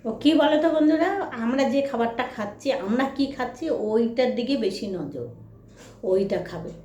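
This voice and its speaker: A woman chatting casually to her viewers at home while coaxing her dog to eat in high baby talk. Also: lively intonation, moderate pace, mellow, echoey room, slight background noise. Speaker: vlogger.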